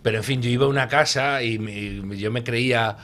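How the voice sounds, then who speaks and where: A man's voice: mid-range voice, moderate pace, fairly bright tone. Man telling a story on radio. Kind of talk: radio interview.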